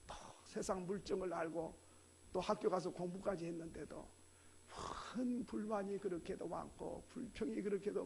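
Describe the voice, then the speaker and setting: A male pastor preaching a sermon with a high voice that has a gravelly, creaky edge. His tone is husky rather than clean. He talks to the congregation conversationally and keeps asking them rhetorical questions. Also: a little mellow.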